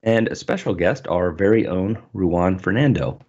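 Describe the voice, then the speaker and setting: Deep husky male podcast host. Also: moderate pace, darkish tone, highs cut off. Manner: easygoing storyteller, chuckling. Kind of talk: casual podcast conversation.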